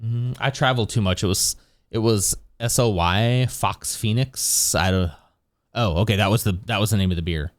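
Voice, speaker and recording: A man's voice: fairly low pitch, normal speed, dry recording, studio quality. A man streaming live, chatting casually and rambling with his viewers, chuckling often as he goes.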